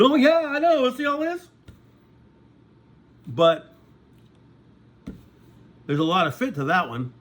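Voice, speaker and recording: Speaking with a bright, forceful tone in a slightly high voice, a man in his sixties chats to his viewers as a vlogger. His monologue rambles conversationally, and he keeps checking in by asking "okay?".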